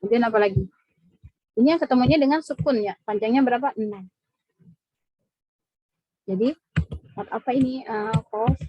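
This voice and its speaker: Patient woman teaching, husky voice. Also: fairly high pitch, normal speed, pauses often, no room sound, lo-fi sound. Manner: patient, repeats points with frequent "ya" checks. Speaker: Quran recitation teacher. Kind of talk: classroom tajwid lesson. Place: mosque classroom.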